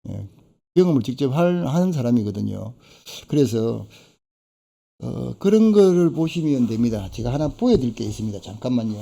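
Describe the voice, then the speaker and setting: Dark-voiced folksy man. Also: medium pitch, very animated, moderate pace, gravelly, breathy edge. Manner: chatty, folksy, laughs between points. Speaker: fishing boat broker and fishing-village consultant. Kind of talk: casual live-stream talk.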